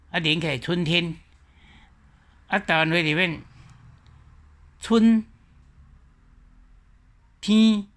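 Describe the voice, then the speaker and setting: A man with a Taiwanese accent giving an explanatory lecture, slowly repeating example words one at a time. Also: a little high, pushed and bright. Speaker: teacher.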